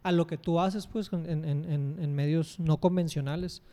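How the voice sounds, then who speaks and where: A man's voice: fairly high pitch, fairly even intonation, normal speed, dark tone, clear, resonant tone. A man with a Mexican accent hosting a podcast, talking casually with slang and many fillers. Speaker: podcast host. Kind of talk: casual conversational interview.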